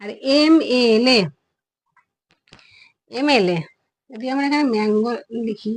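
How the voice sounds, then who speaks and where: A woman's voice: fairly high pitch, unhurried, poor audio. A woman teaching a children's English grammar lesson, patiently repeating words and sounding out each vowel. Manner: patient, explanatory.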